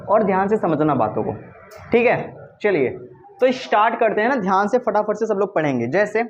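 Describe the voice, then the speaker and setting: A male teacher running a reading drill for his class, quizzing them with repeated call-and-response questions and coaxing and teasing them to answer louder. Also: high-pitched, slight background noise. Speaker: English teacher. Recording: slightly dull lo-fi recording.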